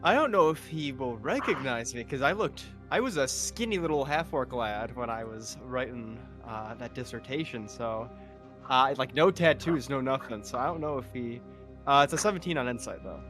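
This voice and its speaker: A man's voice: mid-range voice, expressive, normal speed. Hesitant male player, music behind. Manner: hesitant, filler-heavy. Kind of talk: tabletop role-play.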